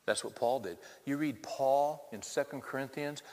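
Here the fifty-something pastor speaks at a normal speed in a mid-range, dark-toned voice. Addressing his congregation in a church hall, he keeps it conversational and fills the sermon with rhetorical questions, all wrapped in the long reverb of a big room.

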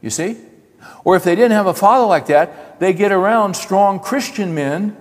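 An older man preaching a sermon, folksy and animated, acting out little dialogues and talking straight to his listeners. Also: high-pitched, normal speed. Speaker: pastor. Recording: long hall reverb.

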